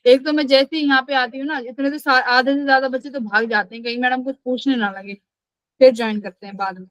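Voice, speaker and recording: A woman's voice: high voice, fairly even intonation, fast talker, fairly bright tone, no echo, lo-fi sound. A woman teaching a live online physics class, asking questions and answering them herself, and scolding students who skip class.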